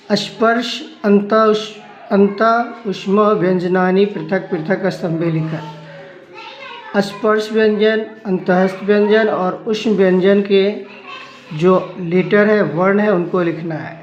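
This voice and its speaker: A man teaching a grammar lesson, explaining step by step in a slow, patient manner. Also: sits high, steady tone, a little hiss or hum. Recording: roomy, dull lo-fi sound with faint music.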